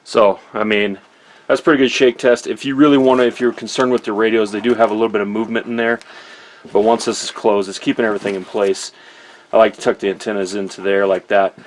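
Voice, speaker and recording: A man with a fairly low voice walks through a product hands-on, chatting informally to viewers like an easygoing reviewer. His tone is level and his pace quick.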